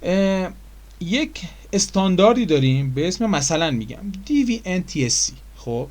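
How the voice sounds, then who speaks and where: A man casually explaining software menus in a screen-recorded tutorial, chatty and full of fillers. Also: sits high, big pitch swings. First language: Persian.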